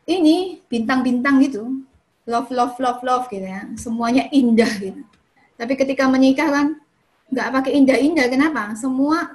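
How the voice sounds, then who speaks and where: Chatty high-voiced woman giving advice. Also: a little mellow. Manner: chatty, often ends points with "kayak gitu" and "gitu ya"; asks the listeners questions and then answers them. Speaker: speaker at a church fellowship. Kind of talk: casual advice talk on dating and marriage.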